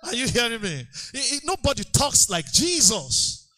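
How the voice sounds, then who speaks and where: Lively, excitable male preacher. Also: very high-pitched, moderate pace, faint music behind, rough recording. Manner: excitable, leads call-and-response declarations. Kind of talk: sermon. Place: church service.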